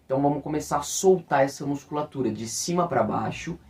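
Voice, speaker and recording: A man from Brazil, a teacher and voice coach, giving an instructional talk and varying his pitch expressively to demonstrate speaking. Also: a little fast. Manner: expressive, swings pitch widely to demonstrate speech. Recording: voice somewhat distant from the mic.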